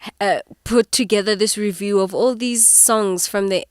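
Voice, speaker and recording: A young adult woman speaks as a guest in a casual interview, telling stories with animated energy and frequent laughter. Her voice is smooth and resonant, recorded dry and close. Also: medium pitch, moderate pace, no echo. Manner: animated storyteller, laughs often. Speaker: guest actor.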